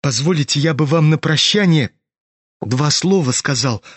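Guy reading as a dying young man, hoarse and quiet, ironic and calm. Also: fairly high pitch, normal speed, no room sound.

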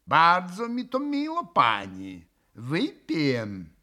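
A man voicing a pompous, condescending gentleman who speaks. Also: fairly high pitch, sing-song, takes it slowly, exaggerated voice. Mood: haughty. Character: pompous middle-aged Polish gentleman, condescending.

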